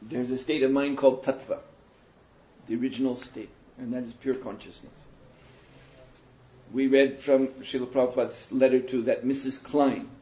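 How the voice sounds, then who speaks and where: A man giving a sermon to an audience, telling stories in an animated way, now and then laughing. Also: mid-range voice, moderate pace, long pauses. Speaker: monk lecturer. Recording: dull roomy lecture recording.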